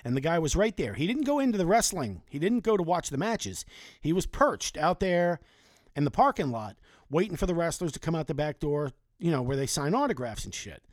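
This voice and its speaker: A talkative man in his forties spins loose, casual stories from years back. His voice sits a touch high for a man, and it sounds close and dry, with no room echo. He drifts from one aside to the next and swears now and then. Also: very animated, brisk. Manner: chatty, conversational, with mild swearing. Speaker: storyteller. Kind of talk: casual anecdotal storytelling.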